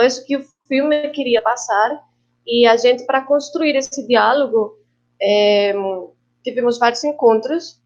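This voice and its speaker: A woman from Colombia with a Colombian Spanish accent, a guest filmmaker and actress on an online panel, who speaks reflectively and haltingly, slipping Spanish words into her Portuguese. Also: fairly high pitch, dull audio.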